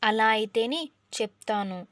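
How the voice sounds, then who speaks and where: A woman's voice: a little high, fairly even intonation, measured pace, dry recording, clean studio sound, natural voice. A woman voicing a dramatic young female student who whines and pleads tearfully in a storybook. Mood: melodramatic whining. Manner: whiny, melodramatic pleading.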